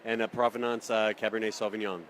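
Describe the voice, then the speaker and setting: A man's voice: on the low side, little pitch movement, fast talker, fairly bright tone, slight background noise. A man exhibitor at a wine tasting booth, giving brief, slightly hesitant answers.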